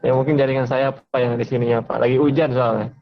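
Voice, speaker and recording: A man's voice: mid-range voice, steady tone, quick pace. Man on a breaking-up call line. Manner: polite, apologetic. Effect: voice cutting in and out over a bad call connection. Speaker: student in an online class. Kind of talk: polite reply to a lecturer. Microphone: online video call. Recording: dull lo-fi online call audio.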